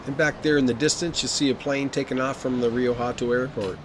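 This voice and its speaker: A man's voice: medium pitch, fairly even intonation, fairly quick. A man giving a conversational, informal travel vlog narration in a walk-and-talk style. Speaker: travel vlogger. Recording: noisy outdoor audio with ambient sound.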